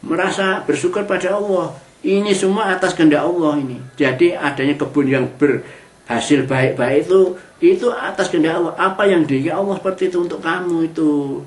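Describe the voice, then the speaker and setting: Man teaching scripture, echoey. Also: a little high. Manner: recites Arabic verses slowly, then explains in chatty colloquial asides. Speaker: Quran teacher. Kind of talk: Quran exegesis lesson. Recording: echoey room.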